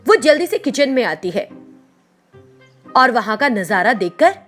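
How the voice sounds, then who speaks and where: A woman narrating a scripted children's story in an expressive storytelling manner. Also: a little high, measured pace, soft background music.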